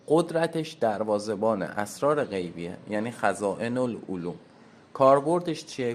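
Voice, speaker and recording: A man teaching in a classroom-style lecture at a whiteboard, explaining step by step and slowly spelling out pronunciations. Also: lowish voice, slight background noise. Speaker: teacher of occult lore.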